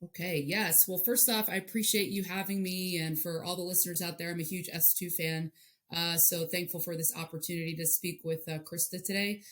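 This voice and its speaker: A woman in her forties from Hawaii talks as a softball coach on an interview podcast. Her voice is very low, and she speaks earnestly, often stumbling and repeating words as she gathers her thoughts. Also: steady tone, brisk, slight background noise. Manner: earnest, repeats words while searching for them. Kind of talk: interview guest.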